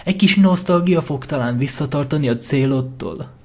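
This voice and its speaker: A man's voice: fairly high pitch, darkish tone, pitched above the performer's own voice, natural voice. A man doing a scheming pony tempter. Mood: insistent. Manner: coaxing, insistent, contemptuous. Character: scheming manipulative pony tempter, coaxing and cruel. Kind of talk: audio fanfiction reading.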